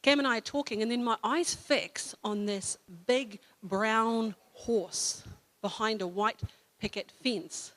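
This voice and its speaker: A woman with a New Zealand accent giving an informal sermon at church, telling a story in a chatty way with fillers and self-corrections, then reading a psalm slowly. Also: fairly high pitch, steady tone, a bit bright. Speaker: church speaker. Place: church hall.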